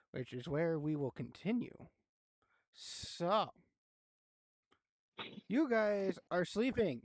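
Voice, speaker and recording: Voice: mid-range voice, darkish tone, dry recording, studio quality. A game master running a live tabletop horror game in a laid-back, chatty way, laughing and swearing now and then.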